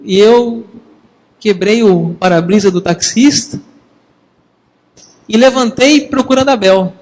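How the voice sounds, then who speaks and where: A man preaching a sermon in a lively, conversational way, addressing the congregation as brothers. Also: high-pitched, slow, big-room sound, low-quality recording. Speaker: pastor.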